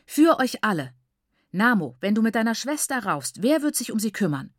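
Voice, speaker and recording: A woman's voice: on the high side, sing-song, moderate pace, no echo, pitched above the performer's own voice. Brief: strict grown-up male teacher scolding children, read by a woman, dry close sound. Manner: raised, scolding, commanding.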